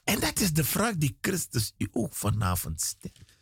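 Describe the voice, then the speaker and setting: A man preaching a radio sermon, slow and emphatic, with dramatic swings and repeated phrases. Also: a little high, wildly swooping pitch, creaky, slightly rough, no room sound, clean studio sound. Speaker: guest preacher.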